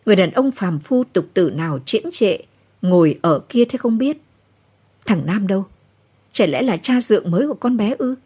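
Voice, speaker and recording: A woman narrating a novel in a slow, somber late-night reading. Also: medium pitch, warm tone, slightly rough.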